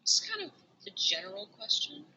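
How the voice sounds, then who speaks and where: A woman hosting an interview who asks her questions softly and slowly. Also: fairly high pitch, sing-song, muffled recording, a little hiss or hum. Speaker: interview host.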